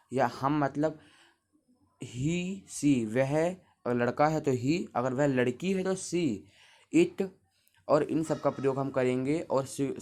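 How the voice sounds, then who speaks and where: Male teacher, mid-pitched, patient, spells words out, talks to kids at the board. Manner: patient, explains step by step, spells words out letter by letter; talks to the class as children. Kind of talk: Hindi grammar lesson at a board.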